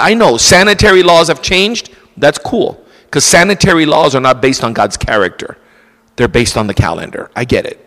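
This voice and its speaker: A male pastor preaching a sermon, animated and acting out excuses in quoted voices, in a church. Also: medium pitch, long reverb tail.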